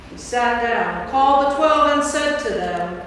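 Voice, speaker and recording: In a large church interior, a woman serving as narrator and priest reads scripted narration for a staged Bible reading. Her voice is fairly bright and on the high side, expressive and measured in pace, recorded from far off in an echoey hall with faint noise.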